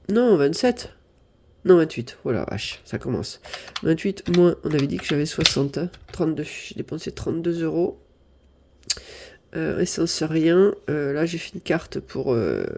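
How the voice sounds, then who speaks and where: A woman from southern France, a budget vlogger nursing a cold and a stuffy nose, talks casually through her budget from her apartment, working out the sums aloud with frequent apologies. Her voice is deep, husky, creaky, and a little mellow.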